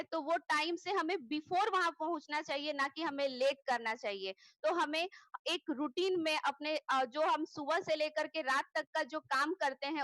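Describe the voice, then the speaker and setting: A woman with a high, bright-pitched voice leads an online training session, speaking earnestly and pausing often between points. Her voice comes through a video call and sounds close and dry, with no room around it. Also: no echo, rough recording. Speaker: network marketing trainer.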